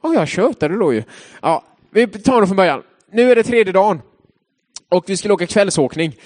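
A man's voice: high voice, lively intonation, a little mellow. Young man telling a chatty devotional story. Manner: casual, chatty, with many hesitation sounds. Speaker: youth leader giving a devotional talk.

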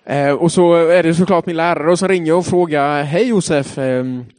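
A young youth leader gives a devotional talk in a loose, storytelling style, his darkish voice sitting a little higher than most men's with fairly even intonation. Casual and chatty, he drifts between story and reflection with plenty of hesitant filler sounds.

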